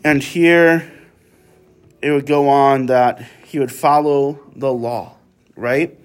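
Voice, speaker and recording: A man's voice: mid-range voice, fairly even intonation, slow, clear, resonant tone. A man leading a casual Bible study, talking conversationally and often checking in with his listeners with tag questions.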